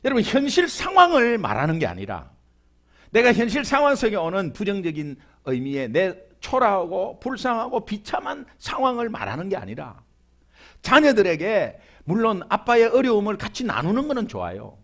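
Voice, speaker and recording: A middle-aged male pastor from Busan delivers a sermon in a Gyeongsang accent. His voice sits high and leaps all over the place, and he plays out the people he quotes with humor. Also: huge pitch swings, normal speed, fairly bright tone. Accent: Gyeongsang (Busan) Korean. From Busan, South Korea.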